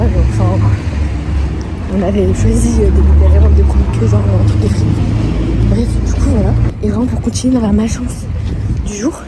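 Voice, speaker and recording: A woman's voice: medium pitch, very noisy. A teenage young woman chatting casually to her vlog, telling rambling, slangy anecdotes and quoting people as she goes. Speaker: vlogger. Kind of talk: casual chat vlog, storytelling.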